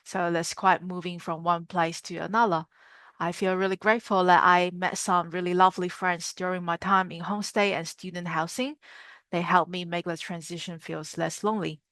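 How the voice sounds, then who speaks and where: A woman in her twenties from China, a psychologist, calmly recalling her path in an interview. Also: lowish voice, normal speed, no room sound. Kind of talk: calm interview recollection.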